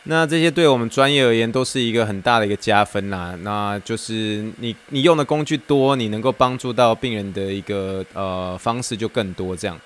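A man's voice: fairly low pitch, fairly quick, hardly any pauses. Chatty man storytelling. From Taiwan. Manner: chatty, animated storyteller, laughs often. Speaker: podcast host. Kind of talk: casual monologue.

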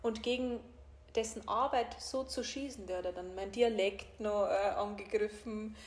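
With a mid-range voice and steady tone, slightly slow, a female coach with a German regional dialect talks casually and openly, laughs readily and leans on plenty of fillers. The room she's recorded in is echoey.

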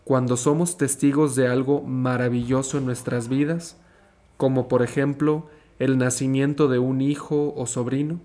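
A young man, a seminarian, reading a gospel passage and then giving a short reflection in a calm, measured, earnest voice. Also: medium pitch.

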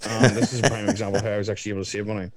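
A man's voice: fairly low pitch, little pitch movement, racing, a loud crowd. A man in his twenties with a Northern Irish accent, chatting casually and swearing as a podcast co-host. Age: 20s.

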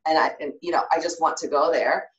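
A woman's voice: sits low, fairly even intonation, fast talker. A woman hosting a casual interview, talking with enthusiasm. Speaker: interview host. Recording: roomy, distant and muffled.

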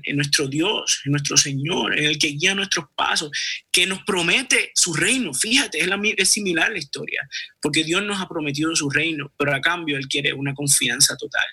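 Husky, forceful man speaking earnestly. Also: fairly high pitch. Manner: earnest, with many restarts. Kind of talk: religious conversation and storytelling.

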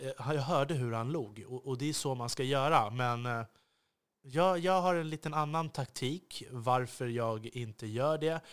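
A man talks through a solo podcast episode with real intensity, and his delivery can turn biting. He hesitates and restarts often, filling gaps with drawn-out "eh" sounds. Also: medium pitch, fairly bright tone. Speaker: podcast host.

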